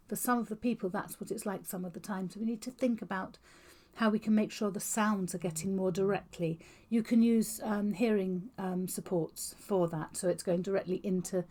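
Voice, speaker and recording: A woman talks to camera in a quick, informal teaching style. She speaks with big, clearly shaped mouth movements and a steady, mid-pitched voice. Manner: fast-talking, gestures a lot, exaggerated mouth movements. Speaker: educator on auditory processing. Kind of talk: informal explanatory talk to camera. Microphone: talking to camera on video.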